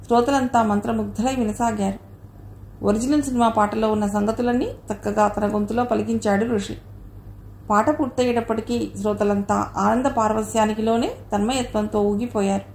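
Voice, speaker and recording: A woman narrating an audio novel in a steady storytelling way. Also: on the high side, moderate pace. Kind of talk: scripted narration. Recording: roomy echo, faint noise.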